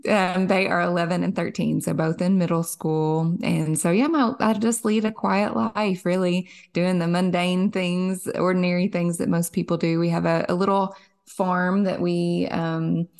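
A woman's voice: fairly low pitch, steady tone, unhurried, vocal fry, a little mellow. A woman of forty with a Kentucky accent, chatting as a podcast guest, friendly and full of restarts and light laughs. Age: 40s. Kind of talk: casual interview chat.

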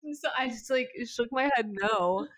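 Twenties woman, co-host, higher pitch; animated casual storyteller, laughs a lot. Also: moderate pace, low-quality recording. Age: 20s. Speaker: podcast co-host. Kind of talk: casual chat.

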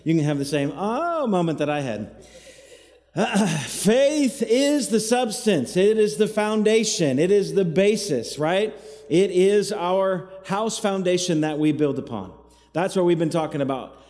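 An associate pastor preaching at an evening service has the crowd repeat after him in call-and-response, his voice echoing through the church hall as if in a cave. He speaks high-pitched and expressive, a little slowly, with a darkish tone.

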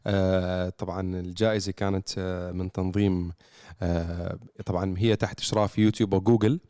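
Brief: male podcast co-host, Levantine accent, smooth clear voice, dry close sound, halting casual delivery. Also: deep voice, level tone, warm tone, dry recording. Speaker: car content creator and show co-host.

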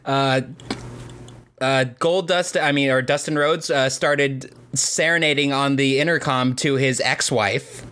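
A man's voice: medium pitch, fairly even intonation, measured pace, bright, forceful tone. A man co-hosting a podcast, chatting casually and joking. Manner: chatty, jokey. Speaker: podcast co-host. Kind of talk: casual chat.

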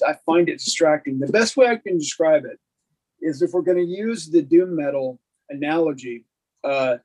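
A man's voice: on the high side, a little mellow, breathy edge, low-quality recording. A middle-aged man co-hosting a podcast, chatting casually in a rambling, self-deprecating way with lots of fillers. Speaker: podcast co-host. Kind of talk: casual chat.

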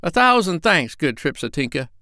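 A man's voice: a little high, sing-song, moderate pace, bright, forceful tone, dry recording, pitched above the performer's own voice. A man voicing a dreamy young prince who speaks in flowery, old-fashioned phrases. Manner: dreamy, archaic flowery speech. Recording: dry close recording.

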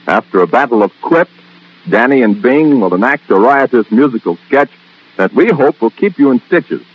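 Husky 1940s radio announcer on old disc. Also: male voice, moderate pace, lo-fi sound. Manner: lively, upbeat sales-pitch delivery. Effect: old broadcast transcription disc.

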